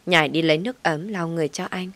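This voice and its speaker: A woman narrating a family drama story in expressive audiobook style. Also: deep voice, fast, no echo.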